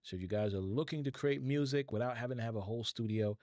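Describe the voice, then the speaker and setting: A middle-aged tech streamer talks fast in a medium-pitched, darkish voice, rambling casually and addressing his chat head-on. The audio is studio quality with no room sound.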